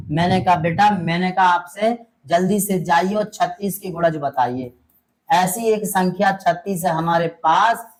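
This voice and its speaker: A man's voice: high-pitched, rough recording. A male maths teacher giving an online lesson, coaxing his students along, checking again and again whether they follow, and calling them fondly "beta" and "my brother".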